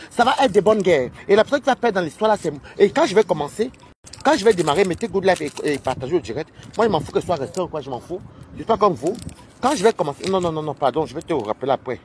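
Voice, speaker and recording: A man talks in a fairly high voice, repeating an indignant warning to his viewers again and again. He records himself on a handheld phone inside an office building, and a steady background hum stays under his voice the whole time. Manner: indignant warning rant, repetitive phrasing. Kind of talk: casual vlog, addressing online viewers. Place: office building, walking to get coffee.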